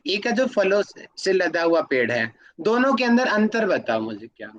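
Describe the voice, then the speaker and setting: A man's voice: sits high, sing-song, normal speed, a bit bright, highs cut off. A man teaching an online class, explaining with examples and putting questions to his students. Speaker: yoga academy teacher.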